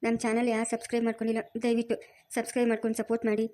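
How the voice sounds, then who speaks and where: A woman's voice: fairly high pitch, monotone, racing, mellow. A woman channel host speaking straight to her viewers with an earnest, polite greeting. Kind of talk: direct address to viewers.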